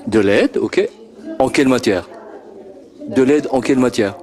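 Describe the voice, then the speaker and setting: A man with a medium-pitched, rather dark voice speaks a bit slowly while interviewing children at a homework-help group. The handheld microphone is passed around as he questions them kindly, stammering, repeating words and chuckling often.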